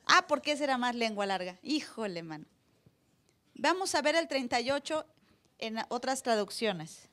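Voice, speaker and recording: A woman pastor preaching a sermon live in church, acting out voices with sudden loud cries. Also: fairly high pitch, lively intonation, moderate pace.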